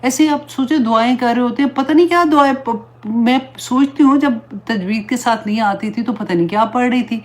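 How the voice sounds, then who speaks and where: A woman's voice: on the high side, few pauses. A woman Islamic teacher giving an earnest, pleading religious talk, slipping English words into her speech.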